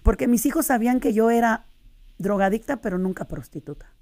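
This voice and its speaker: A woman's voice: a little high, a little fast, darkish tone. A middle-aged woman telling her faith testimony on a radio interview, earnest and addressing listeners as sisters. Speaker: guest giving a testimony.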